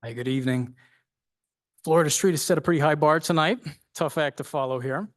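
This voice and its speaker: Man briefing as safety coordinator. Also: a little high. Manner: measured, briefing tone with fillers. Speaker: district school safety coordinator. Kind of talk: formal board meeting presentation.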